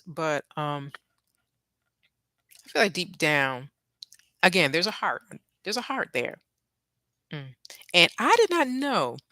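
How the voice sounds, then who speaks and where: A woman in her forties talks casually to her livestream viewers from home, often laughing and losing her thread. Her pitch swings widely and her tone is bright and forceful. The sound is close and dry. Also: gravelly, no echo. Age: 40s. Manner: chatty, laughs often, trails off. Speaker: YouTube livestream host. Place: apartment with thin walls.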